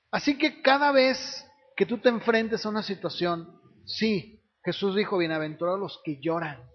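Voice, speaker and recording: High-voiced pastor preaching in a hall. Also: male voice, husky. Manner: preaches with frequent rhetorical tag questions, acting out voices of others. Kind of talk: sermon. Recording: reverberant hall, dull lo-fi sound.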